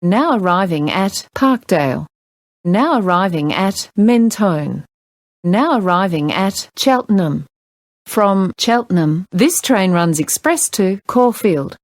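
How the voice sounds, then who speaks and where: A woman reading scripted onboard train announcements in a measured, formal public-address manner. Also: mid-range voice, lively intonation, dry recording.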